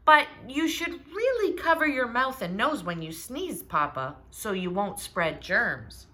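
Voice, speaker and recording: Caring storybook mama bear, gently instructive, voiced by a woman in a bright tone. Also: fairly high pitch, very animated, measured pace, voice pushed up, full character voice. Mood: coaxing.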